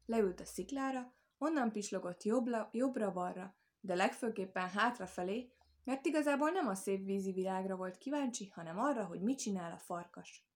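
Female audiobook narrator, children's fable, even and clear. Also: medium pitch. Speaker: audiobook reader. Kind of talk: scripted storybook narration.

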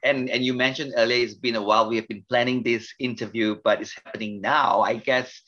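An earnest man in his sixties from Malaysia, a pastor sharing his life story as an interview guest. He speaks in a reflective way at a middle pitch, often restarting his sentences. The recording sounds a little dull. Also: steady tone, brisk, bright, forceful tone.

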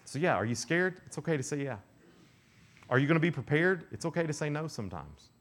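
Speaking a bit quickly in a rather high register, this young man jokes his way through a casual sermon for teens at youth camp. His delivery is lively, and he often slips into playful voices when quoting others.

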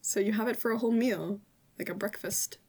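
Young female podcast guest, husky, chatty, giggly, casual. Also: mid-range voice, a little fast, darkish tone. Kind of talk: casual chat.

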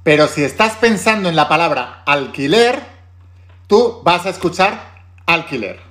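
Man, accent from Spain, somewhat high voice, emphatic talk to viewers, repeats key words. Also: big pitch swings, measured pace, a bit bright, a little hiss or hum. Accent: Spain Spanish. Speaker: spiritual self-help teacher.

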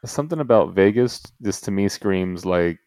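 A man hosting a casual chat, talking in an animated, rambling, joking way. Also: low voice, normal speed, dry recording. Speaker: podcast host.

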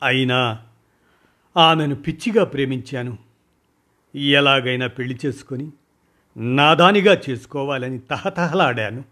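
Male storyteller, reads a first-person story nice and slow, measured. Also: medium pitch, pushed and bright. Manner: slow, deliberate, measured reading.

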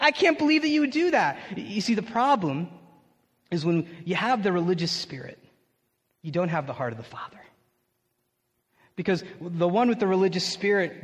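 Pastor, male, casual animated sermon, high voice with a lively swing, long church echo. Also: breathy edge. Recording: echoey church hall.

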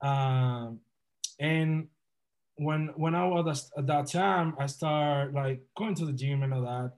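Speaking slowly in a fairly high voice with a darkish tone, a young Dominican entrepreneur shares his story as a podcast guest. The casual interview has him sounding earnest, upbeat and motivational.

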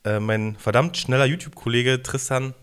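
A man's voice: mid-range voice, normal speed, fairly bright tone, clean tone. A man hosting a podcast, asking questions in a casual, teasing and joking way. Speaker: podcast host.

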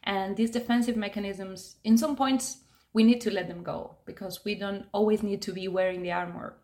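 Soft-spoken woman from Argentina. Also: medium pitch, fairly even intonation, moderate pace. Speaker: yoga teacher and podcast guest. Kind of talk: casual conversational interview.

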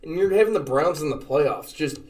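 Young guy hosting a sports podcast, kinda high voice, rambly, laughs a lot. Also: expressive, brisk, a little mellow. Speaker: podcast co-host. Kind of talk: casual sports chat.

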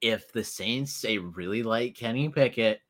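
A man's voice: fairly low pitch, measured pace, a bit bright. A man co-hosting a casual sports talk show, talking eagerly and conversationally. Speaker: podcast co-host.

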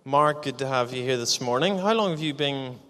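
Male church host, mid-pitched, upbeat interviewer, echoey hall sound. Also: brisk, sharp tone. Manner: upbeat, encouraging, prompting questions. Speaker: church leader hosting an interview. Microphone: handheld microphone.

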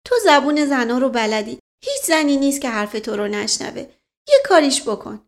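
A woman's voice: high-pitched, animated, pitched above the performer's own voice. A woman voicing a flustered older aristocratic lady who pleads and fusses anxiously in an audiobook. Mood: begging. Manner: pleading, fussing. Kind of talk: audiobook character reading.

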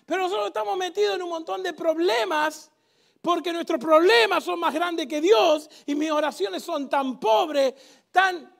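High, gravelly Rioplatense preacher. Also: male voice, moderate pace. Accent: Rioplatense Spanish. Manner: emphatic, swinging between shouts and hushed intensity. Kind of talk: sermon.

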